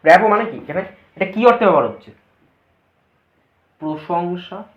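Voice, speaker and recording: A woman's voice: on the low side, lively intonation, normal speed. A woman teacher explaining a grammar lesson, asking her students questions and then answering them herself. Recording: echoey, dull lo-fi room recording.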